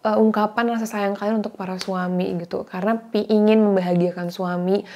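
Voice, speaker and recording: Talking a little fast with a warm, steady, mid-range voice, a woman in her thirties confides in her viewers about faith and marriage. Her casual, heartfelt chat mixes in English words, and the sound is lo-fi.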